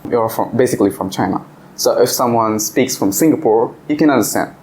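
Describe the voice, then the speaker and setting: A visiting English teacher leads a classroom discussion at an English speaking club, firing questions at the students. His medium-pitched voice is brisk with a darkish tone, and the rough recording carries slight background noise.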